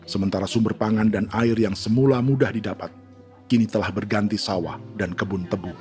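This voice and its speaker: A man reading a scripted news documentary narration in a measured, even way. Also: on the low side, soft background music.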